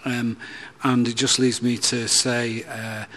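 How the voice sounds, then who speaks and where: A man chairing a conference panel, soft-spoken and filler-heavy, as he closes the session. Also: mid-range voice, level tone, slow pace. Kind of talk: moderating a panel. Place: conference hall.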